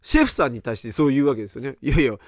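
Speaking at a racing clip, this middle-aged podcast host has a medium-pitched voice captured cleanly in the studio with no echo. He tells a loose, casual story, packing it with fillers and playing out how others reacted.

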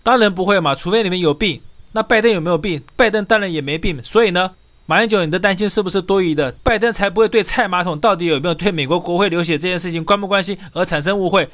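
Man, political commentary rant, high-pitched, rapid, contemptuous rhetorical questions. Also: a bit bright. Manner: scornful, insulting, rapid-fire rhetorical questions.

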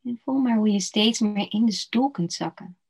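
Soft-spoken woman guiding a meditation. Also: mid-range voice, breathy edge. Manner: slow, soft, soothing, with pauses. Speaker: meditation guide. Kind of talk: guided body-scan meditation. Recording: dull lo-fi recording.

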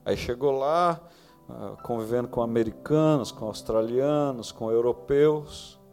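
A man's voice: mid-range voice, a little slow, a little mellow, faint music behind. A Brazilian man in his forties preaching a sermon with a Brazilian Portuguese accent, telling stories and rising to fervent emphasis.

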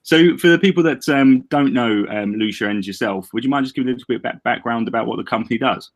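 A man's voice: medium pitch, fast talker. A man with an Essex, London accent hosting a casual podcast interview. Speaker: podcast host.

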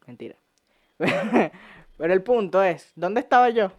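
Here the young Venezuelan host's high voice is expressive and slow-paced as he records on his home podcast set. Stories come loaded with profanity, jokes and regular bursts of laughter.

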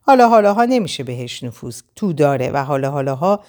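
A woman's voice: deep voice, very animated, a little mellow. A woman voicing a teasing young male friend with a playful, sly manner in an audiobook reading.

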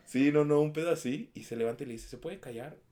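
A young man with a Mexican accent, co-hosting a casual chat and telling a slangy, animated story. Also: fairly high pitch, quick pace, a crowd in the background. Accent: Mexican Spanish. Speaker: podcast co-host.

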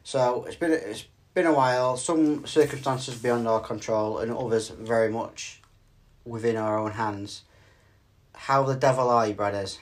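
A man's voice: medium pitch, a little slow. A middle-aged man, co-hosting a casual podcast with a playful, teasing and mock-stern manner. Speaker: podcast co-host. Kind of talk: casual chat.

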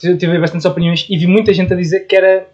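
Young Portuguese male co-host, rapid, bright-pitched, casual slang, lo-fi sound. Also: level tone. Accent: European Portuguese. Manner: playful, uses slang and English gamer words. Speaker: podcast co-host. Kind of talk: casual chat.

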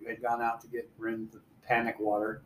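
A man appearing as a guest on a podcast, adding dry, joking remarks in a mid-range voice. A crowd murmur hangs clearly behind him in the recording. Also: medium pitch, completely flat delivery, a little fast, low-quality recording. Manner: dry wisecracking interjections. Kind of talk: casual chat.

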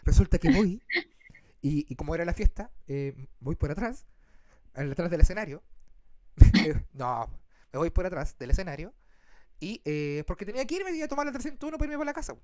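A man with a Chilean accent, co-hosting a casual chat and telling a story in an animated, slangy way. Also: a little fast, long pauses, no echo, studio quality. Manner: animated, slangy, acts out quotes in a high voice. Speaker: podcast co-host.

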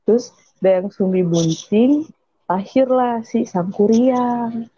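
Young girl retelling a story all over the place, mellow kinda husky voice, dull dry recording. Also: fairly high pitch, slow, dry recording. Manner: rambling, loses track and corrects herself. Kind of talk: casual chat retelling a folk tale.

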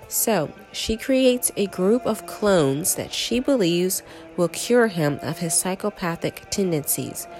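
Sounding blocked up with a cold, a woman chats her way through a horror film review on her own, leaning heavily on fillers such as "like" and "you know." Her voice is on the low side and a little mellow.

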